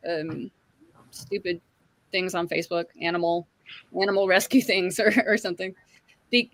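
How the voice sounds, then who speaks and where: A middle-aged woman talks through her feelings in a relaxed group chat, thinking aloud with plenty of fillers. Her voice sits at an ordinary pitch. It sounds dry and close on a video call. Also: no room sound. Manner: open, reflective, with frequent fillers. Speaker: hangout participant.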